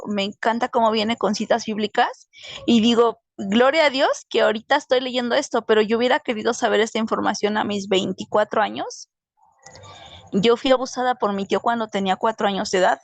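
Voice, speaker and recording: A woman speaking up in a faith reading group, earnest and halting as she shares her thoughts. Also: mid-range voice, no echo. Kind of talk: personal sharing in a group call.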